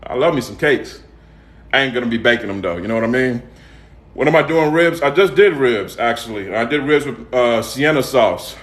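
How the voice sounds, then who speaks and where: This Southern US host, raised in Atlanta, is animated as he chats through his home cooking livestream and sells his seasonings. His medium-pitched voice is a bit bright and moves at a moderate pace, folksy and repetitive with "okay?" and "all right?" tags, in a noticeably echoey room.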